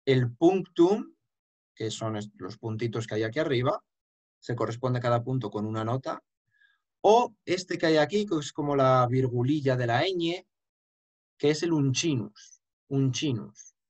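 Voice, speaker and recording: A male chant teacher gives an emphatic, explanatory lesson, singing short examples along the way. He has a mid-range voice and speaks at a moderate pace.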